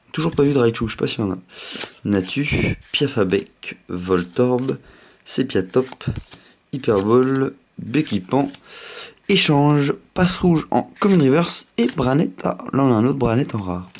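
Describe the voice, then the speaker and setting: A man gives casual, chatty commentary as he opens packs on camera. He has a mid-pitched voice and a slight lisp, and his manner is excitable, with quick exclamations. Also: a little hiss or hum. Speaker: host of a card pack opening video.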